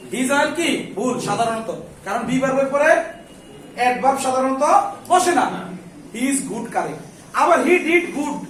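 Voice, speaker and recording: A man's voice: very high voice, fairly bright tone, a little hiss or hum. A man teaching an English grammar class, firing questions at the students and answering them himself, and scolding anyone who chats. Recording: echoey classroom from far off.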